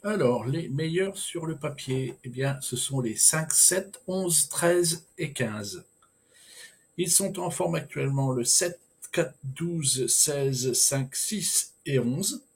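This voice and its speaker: A man's voice: fairly high pitch, lively intonation, slow. A man giving a solo horse racing preview, talking in a hesitant, chatty way with frequent filler sounds and restarts. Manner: informal, chatty asides.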